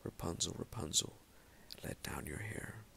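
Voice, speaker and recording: Guy doing a mean old storybook witch, bossy, super gravelly low voice. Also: a little slow, whispered, full character voice. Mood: cold scolding. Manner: cold, bossy commands. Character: cruel scolding old witch woman.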